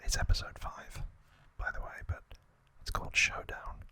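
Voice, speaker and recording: Soft and breathy, the whispered voice belongs to a man hosting ASMR; he reviews trivia in an unvoiced hush, pausing for loose, informal asides.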